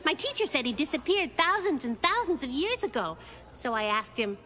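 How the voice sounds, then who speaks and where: Little Lulu, lively high-pitched cartoon girl. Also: normal speed, music in the background. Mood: wry storytelling. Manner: animated, wisecracking storytelling. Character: bright, chatty, quick-witted little girl. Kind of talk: children's cartoon voice acting.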